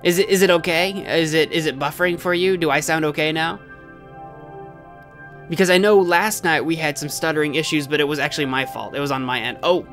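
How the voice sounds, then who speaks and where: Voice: mid-range voice, a little fast, a bit bright, faint music behind. A game livestream host chatting casually with viewers, playful and rambling, often repeating phrases.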